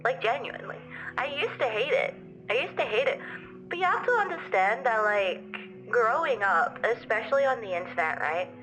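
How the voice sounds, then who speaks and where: Faint music sits behind a young woman with a fairly high, fairly bright voice who speaks animatedly at a normal speed. She's answering livestream viewers' comments in casual, rambling chat, giggly and full of fillers, with a mild city Australian accent. The recording is rough.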